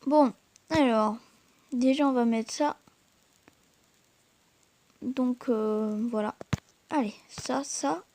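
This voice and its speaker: High-voiced woman giving hesitant gameplay commentary. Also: very slow, pauses often, a little mellow, a little hiss or hum. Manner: hesitant, full of fillers and restarts; chatty, addresses viewers directly. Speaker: gaming channel host.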